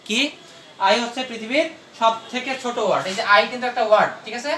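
This English teacher's medium-pitched voice is pushed and bright, and the room is reverberant. While writing on the board, they explain a grammar lesson slowly, repeatedly asking questions and answering them.

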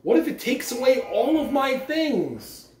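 With a very high, sing-song voice, a middle-aged man unhurriedly reads morning announcements and a children's story to kids, expressive like a school announcer. He's far from the mic in a roomy indoor living room, and the background is noisy.

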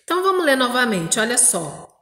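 A Brazilian Portuguese primary school teacher giving a recorded lesson to young children, spelling out syllables slowly and often checking with "não é?". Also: female voice, a little high, big pitch swings, bright, forceful tone, roomy sound, long reverb tail.

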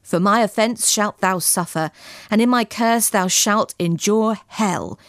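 A woman voicing a grizzled old man who slowly and heavily lays a curse in archaic speech. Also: mid-range voice, dry recording, clean studio sound, close to an everyday voice. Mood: menacing. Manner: slow, heavy, commanding. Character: grizzled old man, cursing, commanding, menacing.

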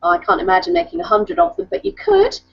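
This craft blogger in her thirties talks fast, with big pitch swings, vocal fry, and a slightly rough medium-pitched voice. She chats casually through a show-and-tell of her crafts on a webcam video call from her book-lined home room, interrupting herself often. The audio is dull, lo-fi call sound.

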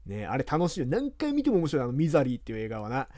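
Chatty man with animated game commentary. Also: mid-range voice, rapid-fire, no echo, studio quality. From Japan. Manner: chatty, rambling, rough casual speech. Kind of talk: casual let's-play commentary.

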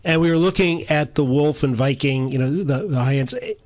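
A man's voice: on the high side, brisk, a little mellow. A man in his sixties co-hosting a local radio talk show, asking long, rambling conversational questions. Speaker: radio co-host. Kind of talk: casual radio talk interview. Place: radio studio, indoors. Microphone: studio boom mic.

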